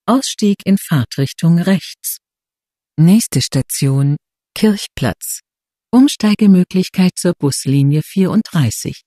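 This is a subway announcer with a mellow, medium-pitched voice. The delivery is formal and slow, with station and transfer details in neatly segmented, scripted phrases. The sound is dry and close. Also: breathy edge, no room sound.

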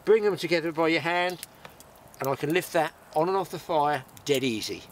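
A man's voice: on the high side, moderate pace, slight background noise. A middle-aged man chats easily and makes light jokes while demonstrating a homemade grill. He is recorded outdoors at a woodland camp from a slight distance. Faint ambience sits behind his voice. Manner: chatty and joking while showing a homemade grill. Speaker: host's father.

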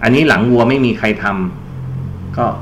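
A man's voice: mid-range voice, fairly even intonation, measured pace, a little hiss or hum. A man teaching an English grammar lesson for exam preparation, explaining step by step and quizzing his students with prompts. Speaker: English tutor.

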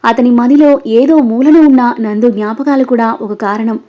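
High-voiced woman storyteller. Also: normal speed. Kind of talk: storybook narration. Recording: dull lo-fi recording.

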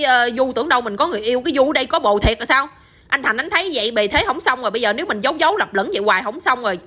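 Southern vietnamese woman telling a story, chatty, high quick voice. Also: pushed and bright, breathy edge. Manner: chatty, addresses listeners often with tag questions. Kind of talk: casual spoken storytelling.

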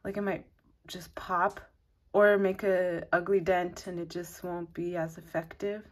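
This woman speaks in a lowish, level voice at an unhurried pace while reviewing needles for her knitting channel. Calling herself an advanced beginner, she rambles through a casual, loosely structured review packed with "like."

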